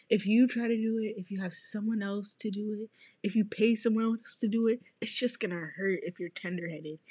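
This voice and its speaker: A young woman chatting casually to camera as a vlogger, animated and laughing often, with lots of "like"s. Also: medium pitch, husky. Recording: faint music behind.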